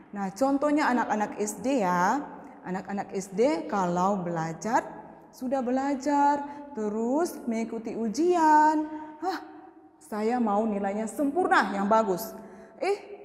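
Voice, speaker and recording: A woman telling a moral story to schoolchildren in a school chapel, animated and speaking directly to the kids, her voice echoing in the hall. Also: on the high side. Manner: animated storyteller addressing children. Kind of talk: children's chapel story and sermon.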